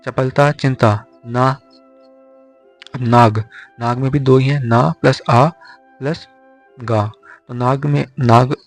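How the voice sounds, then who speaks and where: A young man teaches exam mnemonics, drilling syllables slowly and over again. His voice stays flat and even, at a middle pitch. Faint music sits behind him. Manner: slow repetitive drilling of syllables. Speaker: exam tutor. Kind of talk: explaining Hindi poetics mnemonics.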